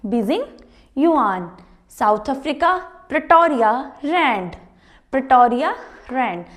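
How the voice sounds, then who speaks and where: Woman, teacher, high voice, whiteboard lesson, slow repetition, call-and-response drilling. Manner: slow repetitive drilling of names, asking students to repeat. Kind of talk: whiteboard exam-prep lesson. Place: classroom with a board.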